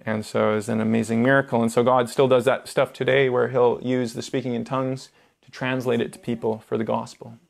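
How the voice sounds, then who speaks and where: A man's voice: mid-range voice, level tone, brisk, creaky. A young man preaching informally, casual and earnest, with filler words and restarts. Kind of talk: informal sermon teaching.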